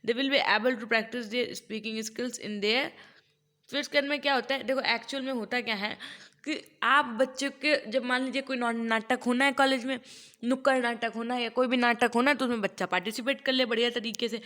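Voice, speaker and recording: A woman teacher giving an online lecture, explaining in Hindi and reading English passages slowly with an Indian accent. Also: on the high side, fairly even intonation, pushed and bright.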